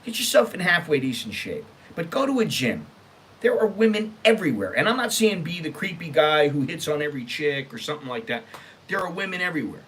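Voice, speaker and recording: Brisk and sing-song, the slightly high, fairly bright voice of an American man carries a little hiss or hum. Hosting a casual online storytime show, he reads emails and reacts with blunt, profane, emphatic exasperation.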